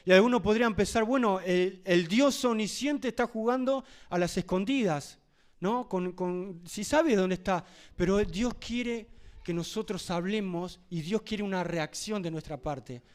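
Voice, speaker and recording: Guy preaching a sermon, pretty high voice, gets loud then goes soft, keeps asking the church stuff. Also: a little slow. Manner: impassioned, swinging between loud emphasis and hushed asides; addresses the congregation directly with rhetorical questions.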